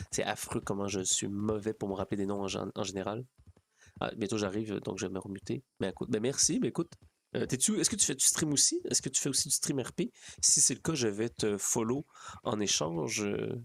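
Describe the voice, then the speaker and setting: His voice sits on the low side and sounds creaky as this Quebec French-accented streamer talks loosely with viewers, wandering and saying the same phrases again.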